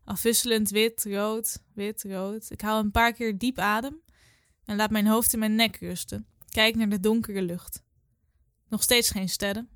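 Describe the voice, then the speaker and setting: A woman in her twenties reading her own literary story aloud in a calm, measured way. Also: on the high side, no room sound, clean studio sound. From Netherlands. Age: 20s.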